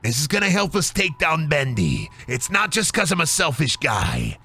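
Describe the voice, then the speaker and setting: Man improvising a shady cartoon wolf buddy: gravelly, wheedling, swoopy pitch. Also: wildly swooping pitch, moderate pace, sharp tone, faint music behind, heavily acted. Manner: wheedling, streetwise, demanding favors. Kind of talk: improvised comedic character voice.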